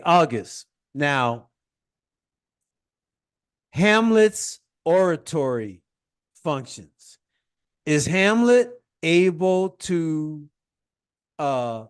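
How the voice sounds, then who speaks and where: A man's voice: a little high, smooth. A man teaching a one-on-one science lesson, patient and encouraging, guiding his student with questions and praise.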